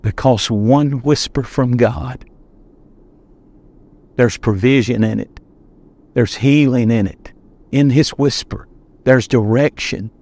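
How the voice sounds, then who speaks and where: A male pastor preaching earnestly from a boat on open water. His delivery is emphatic, with repeated words for weight, at a middle pitch. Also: slow, long pauses, darkish tone. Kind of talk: sermon. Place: on a boat on a lake, outdoors.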